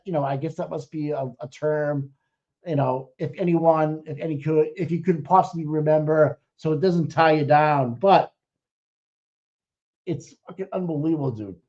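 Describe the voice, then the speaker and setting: A fairly high-voiced man talks excitedly, swearing freely and restarting his sentences. The audio is muffled and lo-fi, like a home live stream. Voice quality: profane, excitable, rambling with restarts. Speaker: co-host. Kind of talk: casual chat.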